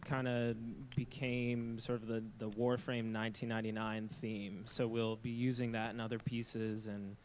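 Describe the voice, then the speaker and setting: Man composer, mid-pitched, easygoing rambling panel talk, faint room hum behind. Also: flat delivery, normal speed. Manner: casual, rambling, plain-spoken. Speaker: game music composer. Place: live convention stage.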